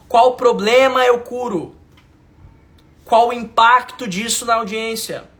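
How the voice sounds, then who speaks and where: His pitch is extremely high and his tone bright and forceful: a Brazilian Portuguese-accented man mentoring a live online class. He repeats his lines emphatically, uses casual slang, speaks right to viewers, and asks the audience whether it makes sense.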